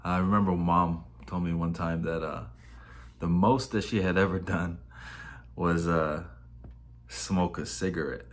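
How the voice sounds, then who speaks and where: A man with a very low voice recalls family memories in an interview. He pauses often and fills the gaps with soft hesitations. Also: flat delivery. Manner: hesitant, with frequent "uh"s. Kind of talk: reflective interview.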